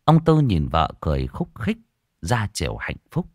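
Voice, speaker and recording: A man telling a ghost story in a low voice that rises and falls very widely. His reading is expressive and dramatic. The recording is close and dry, with no room sound. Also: moderate pace, dry recording.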